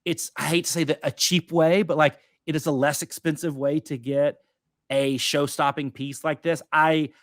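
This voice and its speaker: A man co-hosting a casual podcast, rambling with many fillers and restarts. His voice sits a touch high, and the sound is close and dry. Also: flat delivery, normal speed, fairly bright tone, dry recording. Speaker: podcast co-host. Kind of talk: casual chat.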